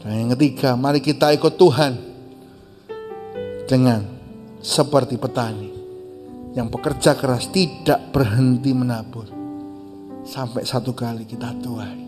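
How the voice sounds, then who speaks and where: A man's voice: medium pitch, a little slow, pauses often, over music. A male pastor preaching a sermon, telling a story with animation. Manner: animated storytelling, acting out quotes.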